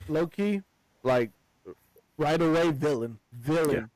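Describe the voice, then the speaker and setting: A man co-hosting a casual sports podcast, slangy and excitable, cursing casually. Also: fairly high pitch, takes it slowly, no echo, poor audio. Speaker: podcast co-host.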